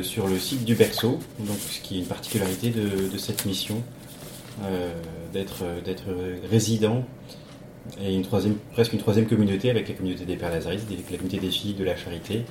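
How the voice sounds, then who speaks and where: A man's voice: sits low, steady tone, brisk. A man in his thirties, a foundation director, introducing himself in a radio interview with hesitant speech full of fillers. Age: 30s. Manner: hesitant, many fillers and restarts. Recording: echoey noisy room.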